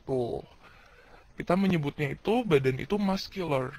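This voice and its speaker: A man's voice: on the high side, moderate pace, a little mellow. A man from Indonesia teaching English vocabulary in a casual video lesson, chatty and slangy, asking questions and answering them himself.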